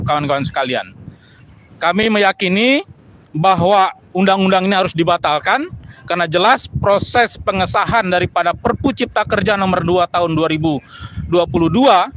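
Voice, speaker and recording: A man with an Indonesian accent giving a deliberate, halting public statement to protesters as a union spokesman, often adding "ya". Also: sits high, a bit bright. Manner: deliberate, halting, repeated 'ya' tags.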